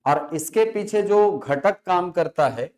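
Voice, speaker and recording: A man teaching a classroom lecture. He asks questions, answers them himself, and repeats key words slowly to stress them. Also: high-pitched, lively intonation, a little mellow.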